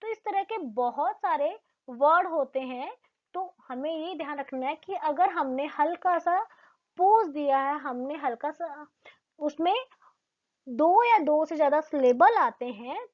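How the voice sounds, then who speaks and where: A woman teacher patiently explaining an English grammar lesson step by step, asking the class questions and slowing down on example words. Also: high-pitched, expressive. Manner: slows down to spell out example words. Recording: slightly dull lo-fi sound.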